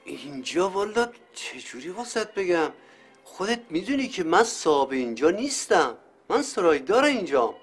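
An actor playing a humble middle-aged caretaker who speaks politely and deferentially. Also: male voice, high-pitched, big pitch swings, husky, faint music behind, heavily acted. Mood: hesitant.

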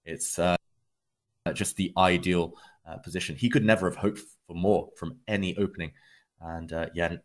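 A man giving live chess commentary as a commentator, in measured, dramatic short phrases. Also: low voice.

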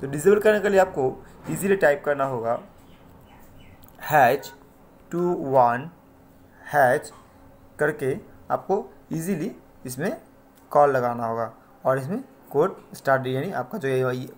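His voice is mid-range and animated, though his pace is a little slow. He is an Indian host of a casual tech tutorial channel who talks to viewers repetitively and pleadingly, captured in a noisy amateur recording full of background ambience.

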